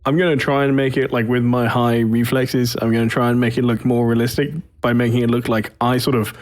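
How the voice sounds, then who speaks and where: A man's voice: mid-range voice, little pitch movement, a little fast. Hesitant, chuckling male player. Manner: casual, hesitant, filler-heavy, chuckling. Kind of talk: tabletop game play.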